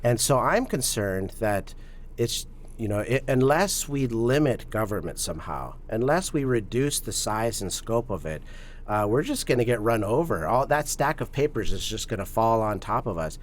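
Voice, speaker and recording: A man speaking as a guest on a podcast, explaining his views in a measured, earnest way. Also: on the low side, a little hiss or hum. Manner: measured, earnest, with many fillers and restarts. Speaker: guest, policy advocate. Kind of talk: podcast interview talk.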